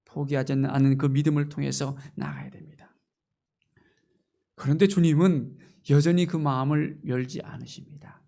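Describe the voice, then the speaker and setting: A male pastor delivers an impassioned sermon in a high, gravelly voice. He swings from loud exclamations to near-whispers and keeps asking rhetorical questions, throwing in a questioning "eh?" along the way. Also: steady tone, normal speed.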